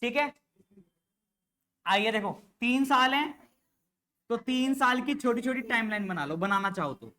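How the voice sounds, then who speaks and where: A man's voice: extremely high pitch, unhurried, long pauses, bright, forceful tone. A male accountancy teacher giving a live classroom lecture, firing questions at his students and addressing them fondly as he works through an example. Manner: quizzes the class with constant questions, calls students "beta".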